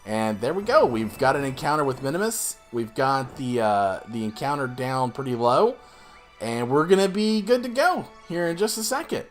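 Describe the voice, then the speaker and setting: A man's voice: medium pitch, very animated, normal speed, faint music behind. A young man hosting a let's play, explaining the game casually and rambling with lots of fillers and restarts. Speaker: gaming channel host.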